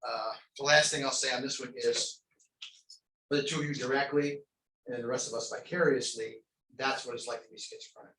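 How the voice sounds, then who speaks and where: Bright-voiced male trainer in an echoey room. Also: mid-range voice, fairly even intonation, brisk. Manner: conversational, rambling, many fillers. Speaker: crisis intervention trainer. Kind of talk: classroom lecture. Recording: echoey training room, distant mic, faint noise.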